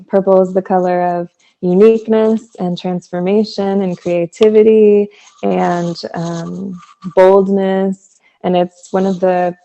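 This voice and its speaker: A woman's voice: on the low side, dark tone, muffled recording. A woman from Texas, a musician guest in a casual interview over a video call, enthusiastic and laughing often. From Texas, USA.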